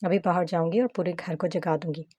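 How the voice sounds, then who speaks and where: Woman voicing a feisty sharp-tongued young wife. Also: lowish voice, fairly quick, no room sound, lightly acted. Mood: bickering. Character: feisty young wife, quick-tempered secret agent.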